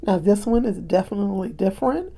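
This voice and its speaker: A woman's voice: medium pitch, expressive, fairly quick, vocal fry, mellow. A woman chatting in a homey, casual way while demonstrating a recipe in her kitchen, with frequent fillers. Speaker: cooking vlogger.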